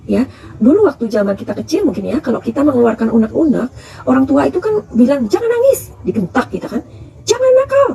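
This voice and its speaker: A middle-aged woman talking through a tarot reading, confiding and full of advice. Her voice sits slightly high but sounds dark and mellow, with plenty of gravelly fry. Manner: chatty, calls listeners "sayang", counsel-giving. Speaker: tarot reader.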